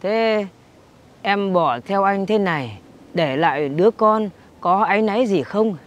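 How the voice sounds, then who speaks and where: A man's voice: high voice, lively intonation, unhurried. A man playing a young lover in a comedy skit, asking casually. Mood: curious.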